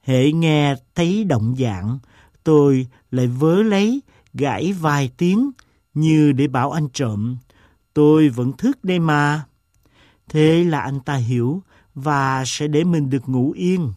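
A man reading a story aloud, voicing an easygoing male host who talks slowly and wryly. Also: on the high side, darkish tone, no room sound, clean studio sound. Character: unhurried male host, wry and amused.

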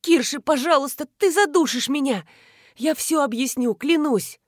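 A woman's voice: moderate pace, a little mellow, no room sound, clean studio sound, lightly acted. A woman doing a desperate tearful young woman. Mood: pleading. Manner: pleading, high and urgent.

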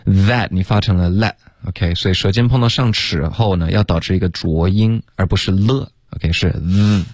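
A man coaching English pronunciation on a radio lesson, patiently correcting sounds and demonstrating them slowly. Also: low voice, darkish tone, dry recording, clean studio sound. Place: radio studio.

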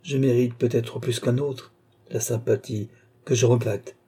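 A man's voice: medium pitch, fairly even intonation, a little slow, mellow, slightly rough. A man reading an earnest, devoted young man. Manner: humble, earnest pleading.

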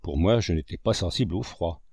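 A man reading a classic novel aloud as an audiobook narrator, in an expressive manner. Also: a little fast, creaky, slightly rough, no room sound, studio quality. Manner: expressive, with a wide pitch range.

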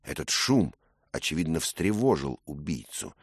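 A man narrating a story in a measured, dramatic way. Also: rumbling low, big pitch swings, husky, no echo, clean studio sound. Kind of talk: scripted narration.

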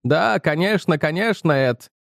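Fussy high-voiced clerk, as a man puts him on. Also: expressive, unhurried, vocal fry, no room sound, studio quality. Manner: soothing, fussing. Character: fussy kindly male shop clerk, solicitous.

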